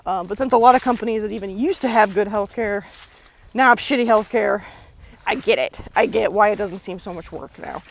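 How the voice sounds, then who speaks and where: A woman's voice: medium pitch, brisk, creaky. Woman vlogger, winded, talking loosely and candidly outdoors on a kick scooter. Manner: rambling, candid, swears casually. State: out of breath. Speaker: freelancer vlogger. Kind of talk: off-the-cuff casual vlog.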